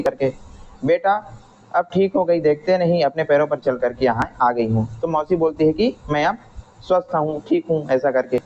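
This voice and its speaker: A man's voice: a little high, a little mellow. A man teaching a lesson, reading a story aloud and restating each line in simpler words, often asking a question and answering it himself. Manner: rephrases each sentence in plain words, asks and answers himself. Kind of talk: reading and explaining a textbook story. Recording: dull lo-fi sound.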